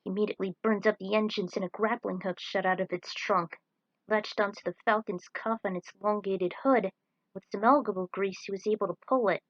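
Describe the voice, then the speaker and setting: This time the woman's mid-range voice moves fairly quickly, her intonation fairly even, as she dramatically narrates her own action fan fiction from a script. Sound quality is dry, close-up, dull, and lo-fi.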